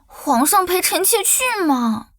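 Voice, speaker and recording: An actress playing a young imperial consort in a costume drama, with coy, deferential courtly speech. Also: female voice, very high-pitched, very animated, slow pace, fairly bright tone, no echo, studio quality, exaggerated voice. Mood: coaxing, sweet. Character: young imperial consort, coaxing, sweet and secretly scheming.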